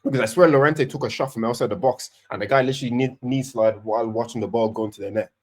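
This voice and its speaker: A man co-hosting a casual football podcast, talking in an animated, rambling way with many restarts. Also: medium pitch, fast talker. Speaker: podcast co-host, Arsenal fan.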